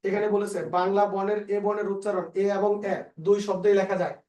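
A male teacher with a Bangladeshi Bengali accent, slowly dictating spelling rules and repeating example words. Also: high-pitched, completely flat delivery, warm tone. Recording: echoey room, voice a bit far from the mic.

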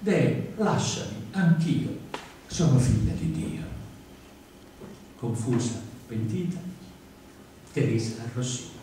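An older man reading his poetry and chatting between poems at a panel table in a large lecture hall, with emphatic pauses and hesitant asides, recorded by a distant camera. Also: mid-range voice, animated, mellow. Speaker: poet reading at a book event. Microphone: far camera. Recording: very echoey hall from far off, faint noise.

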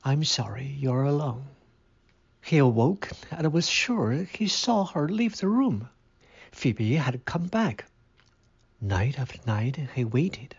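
A man narrating a story aloud in a measured, careful read-aloud style, on a dull lo-fi recording. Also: a little high, sing-song, breathy edge.

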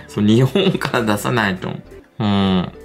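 A middle-aged man livestreaming casual chat, gossipy and quick to laugh. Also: fairly low pitch. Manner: animated, gossipy, laughs often.

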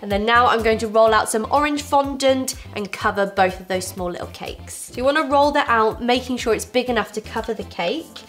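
A young woman talks viewers through a cake recipe in her home kitchen, her voice on the higher side. She keeps her instructions friendly and reassuring. Soft music plays quietly under her voice. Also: a little fast, hardly any pauses. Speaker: baking show host. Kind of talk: step-by-step baking tutorial. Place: home kitchen with fairy lights.

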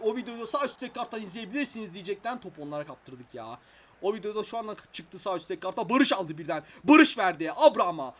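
A man giving excitable live commentary on his own mobile football game, shouting player names when goals go in. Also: high-pitched. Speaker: mobile football gaming YouTuber.

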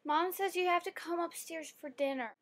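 A woman acting out herself as a little girl of six, eager and innocent, in a high, piping childish voice. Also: normal speed, a bit bright.

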